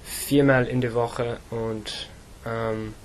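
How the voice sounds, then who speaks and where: A teenage boy from England, an English speaker practising German, answering slowly with many fillers and pauses. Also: medium pitch, steady tone, a little hiss or hum. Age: teens. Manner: halting, slow, many fillers. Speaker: student.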